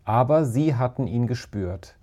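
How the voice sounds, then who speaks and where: A man narrates a children's storybook chapter in a calm, measured way. His voice has a dark, mellow tone at an ordinary middle pitch. The reading stays steady and unhurried. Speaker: audiobook narrator.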